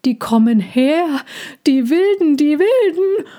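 Woman as a skittish storybook pony, high, squealing, panicky. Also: expressive, takes it slowly, mellow. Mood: panicked.

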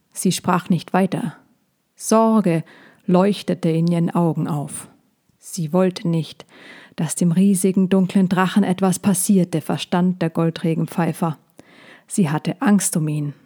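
A woman narrates a children's fantasy tale in a calm, soothing reading. Her voice sits a little low and mellow, and she takes her time with every phrase. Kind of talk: storybook reading.

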